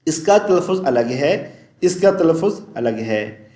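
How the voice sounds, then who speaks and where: High-pitched guy, pakistani urdu accent, teaching quran reciting, explains then chants slow, echoey room. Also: expressive, mellow. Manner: explains mistakes plainly, then chants verses slowly and drawn out. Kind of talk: recitation lesson.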